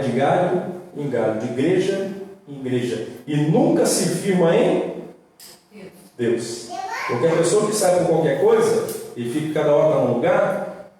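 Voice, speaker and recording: A young-adult man with a Brazilian accent preaching a sermon, lively and swinging between loud and soft. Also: fairly high pitch. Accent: Brazilian Portuguese. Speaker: pastor. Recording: roomy echo, distant mic.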